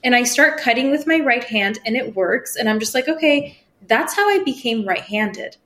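A woman in her 30s whose language was Farsi, a spiritual medium, tells personal stories as a podcast guest in a casual interview. Her voice is a little high and a bit bright, animated, at a moderate pace. She laughs easily and acts out the voices of people she quotes.

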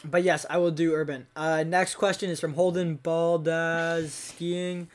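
A young man hosting a casual podcast from a small studio, reading out listener questions in a relaxed way. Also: fairly high pitch, a little slow. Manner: laid-back, reads out listener questions. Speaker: podcast host. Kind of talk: casual chat.

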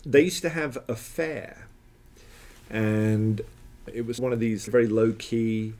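A lower-pitched man from South Florida chats casually on a podcast. He tells long, winding anecdotes and drops in dry little jokes along the way. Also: steady tone, slow, a little mellow. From South Florida, USA. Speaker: podcast co-host. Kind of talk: casual chat.

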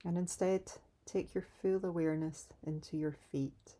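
A woman leading a calm guided grounding exercise in a soft, soothing, unhurried way, pausing between instructions. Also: on the low side. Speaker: meditation guide.

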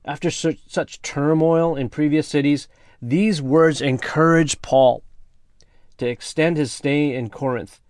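A man's voice: a little high, fairly even intonation, unhurried, darkish tone, no echo, clean studio sound. A man preaching a casual, earnest sermon as pastor, talking conversationally with everyday slang and reading scripture aloud.

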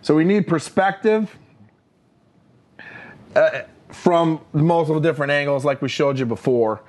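A man's voice: fairly high pitch, measured pace, a little mellow. A man co-hosting a leadership podcast, talking emphatically with many fillers and "right?" tags. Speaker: podcast co-host, leadership coach. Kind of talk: casual leadership podcast chat.

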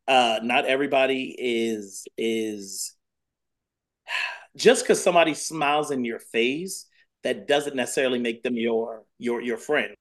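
A man in his thirties, a dance acrobatics coach chatting as a podcast guest, telling stories with animated energy and repeating phrases for emphasis. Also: medium pitch, measured pace. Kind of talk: casual interview chat.

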